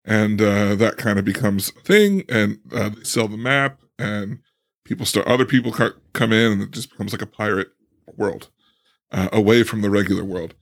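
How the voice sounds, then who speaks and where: Gravelly-voiced man, casual podcast chat. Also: on the low side. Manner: laughs often, halting restarts. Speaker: podcast co-host.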